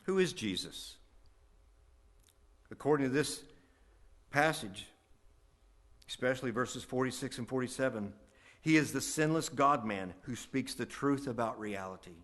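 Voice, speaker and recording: A man's voice: mid-range voice, unhurried, pauses often, a bit bright. A middle-aged man from West Virginia, a pastor preaching a sermon with emphatic swells on key lines.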